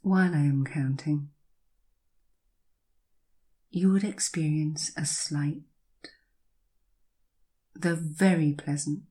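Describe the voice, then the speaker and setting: A woman with a low, breathy voice guides a listener through hypnosis. She speaks very slowly, in soothing, drawn-out phrases broken by long pauses. Her tone is mellow and soft.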